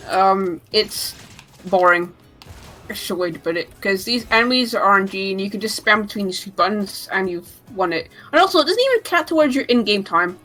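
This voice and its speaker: A woman's voice: mid-range voice, lively intonation, brisk, bright, forceful tone, rough recording. A woman speedrunner giving casual live commentary on her own run, chatty and full of joking asides.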